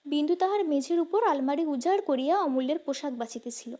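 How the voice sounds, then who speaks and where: A woman narrating a classic story aloud in a steady, measured way. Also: high voice.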